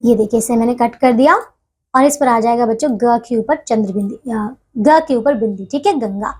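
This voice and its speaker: High-voiced woman teaching young children. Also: moderate pace, a little mellow, husky. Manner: patient, repeats checks with listeners often. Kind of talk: classroom lesson for children.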